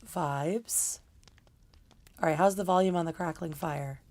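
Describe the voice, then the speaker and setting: Brief: young woman streamer, casual rambling chat, voice pitched a bit low. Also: unhurried, a little mellow. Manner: loose, rambling delivery. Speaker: livestream host.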